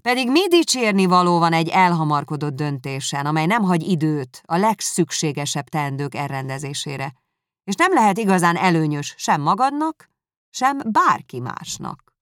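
A woman reading aloud, voicing a reserved, proud young gentleman who speaks in a cool, measured way. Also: deep voice, very animated, no echo, studio quality. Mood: lecturing. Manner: cool, measured, dryly critical.

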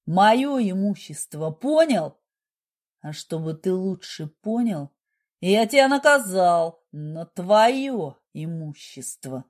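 A woman voicing a smug, menacing middle-aged businessman who speaks with low, slow, mock-gentle condescension. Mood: cold. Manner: condescending, turns harsh.

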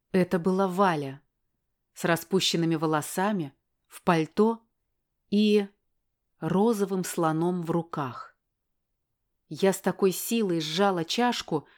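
A woman's voice: fairly low pitch, darkish tone. A woman narrating a first-person story in a wry, matter-of-fact way. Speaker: audiobook narrator.

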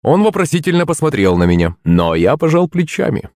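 A man narrating a first-person fantasy audiobook in a wry, lively manner. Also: fairly high pitch, brisk, dry recording, studio quality.

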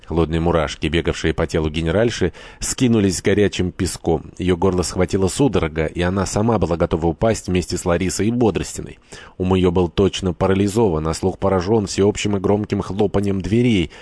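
Male audiobook narrator, very deep voice, measured and dramatic, dry studio sound. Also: darkish tone, dry recording. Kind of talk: scripted literary narration.

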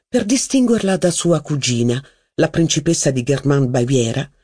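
A man reading a literary novel aloud as an audiobook in a measured, expressive manner. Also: fairly high pitch, dry recording, studio quality. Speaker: audiobook reader.

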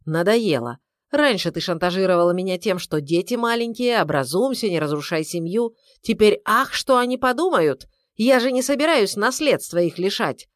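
A woman's voice: mid-range voice, animated, moderate pace, no echo, clean studio sound, natural voice. A woman doing a grumbling irritable husband. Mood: sarcastic. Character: irritable grumbling middle-aged landowner husband.

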